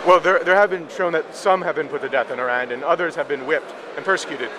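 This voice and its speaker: Firing off probing, challenging questions and often stammering over his wording, a male interviewer speaks quickly in a slightly high voice. Crowd sounds plus clear street and vehicle noise from outdoors fill the background.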